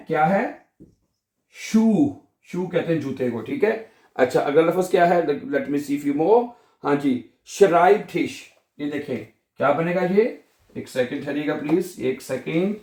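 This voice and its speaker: A man's voice: fairly high pitch, darkish tone. A man teaching a pronunciation lesson, patiently repeating each word and checking that students follow. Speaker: language teacher. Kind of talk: classroom lesson explaining pronunciation. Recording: echoey room.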